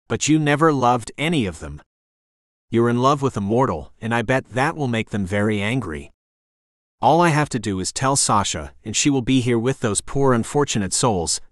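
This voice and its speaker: A man's voice: mid-range voice, no echo, studio quality, natural voice. A man reading the lines of a scheming female witch, taunting and bold, in an audiobook.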